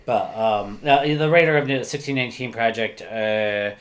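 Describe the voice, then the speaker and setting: A man's voice: on the low side, moderate pace, fairly bright tone, a little hiss or hum. A man co-hosting a podcast, talking in a rambling, thinking-aloud way and often correcting himself mid-sentence. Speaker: podcast co-host. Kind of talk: casual podcast discussion.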